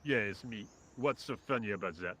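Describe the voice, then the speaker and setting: A man's voice: lowish voice, moderate pace, pushed and bright. A man voicing a lazy, sarcastic French workman in a video game, with a French accent and a dry, indifferent drawl.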